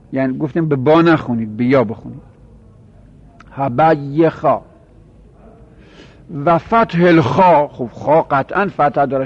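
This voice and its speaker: A man teaching a grammar class, reading lines slowly, then explaining quickly and quizzing his students. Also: medium pitch, slightly rough. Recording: dull lo-fi recording.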